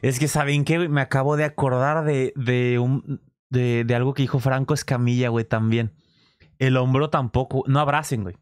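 A man's voice: medium pitch, moderate pace, dry recording, clean studio sound. A man with a Mexican accent, reacting to a clip on stream in casual, slangy talk full of swearing. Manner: crude slang, swearing, animated demonstrations.

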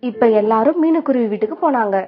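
Female storybook narrator, sorrowful and steady, dull lo-fi sound. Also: fairly high pitch, fast. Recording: dull lo-fi with faint music.

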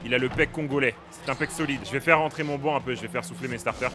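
A young man playing a basketball video game, giving excitable, casual commentary, often shouting at the action and laughing. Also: mid-range voice, fast, faint music behind. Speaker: gaming streamer.

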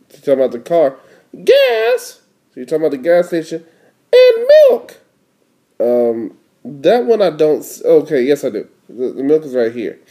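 A father reads a picture book aloud to his young child, casually explaining along the way and prompting with questions. His voice is medium-pitched with a dark tone.

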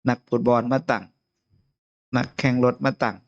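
A man's voice: medium pitch, steady tone, normal speed, muffled recording. A man with an Isan Lao accent giving an informal Buddhist sermon as abbot, chatty and chuckling often. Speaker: abbot giving a Dharma talk.

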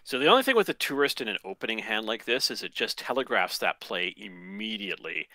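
A man's voice: fairly low pitch, animated, fairly quick, pushed and bright, dry recording. A man hosting a live game stream, chatting casually and joking as he thinks aloud over his moves. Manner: playful, jokey, thinks aloud. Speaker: streaming channel host.

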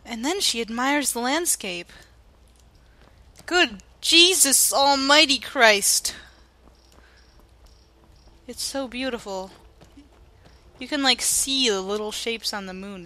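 A woman's voice: a little high, lively intonation, a little slow, sharp tone. A young woman giving playful, sarcastic commentary over her gameplay, narrating her character in the third person. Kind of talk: playful let's-play commentary.

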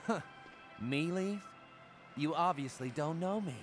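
An actor playing a brash, sardonic younger assassin hero in a video game, taunting and crude. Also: male voice, on the high side, lively intonation, measured pace, music in the background. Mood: cocky taunting. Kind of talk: video game character acting.

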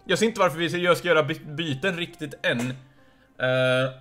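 Excitable young man narrating his own game. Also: on the high side, soft background music. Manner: excitable, bursts into loud cheers at goals. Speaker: gaming streamer. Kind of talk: live gameplay commentary.

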